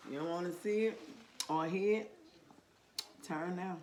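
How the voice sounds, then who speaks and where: Female mukbang host, unhurried casual talk, loud smacking and slurping, noisy recording. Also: on the low side. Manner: chewing noisily, smacking and slurping. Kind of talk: casual mukbang chat while eating. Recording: clearly noisy background.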